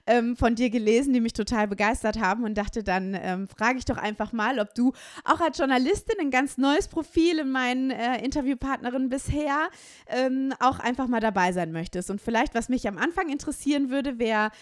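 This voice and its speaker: A woman with a somewhat high voice hosts a podcast interview. She asks long, friendly, rambling questions full of fillers. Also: brisk. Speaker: podcast host. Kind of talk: casual interview talk.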